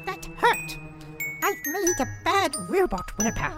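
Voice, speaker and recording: A woman voicing a cheerful, scatterbrained witch with a squeaky, giggly, sing-song voice. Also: sing-song, slow pace, exaggerated voice. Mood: scolding. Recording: music playing underneath.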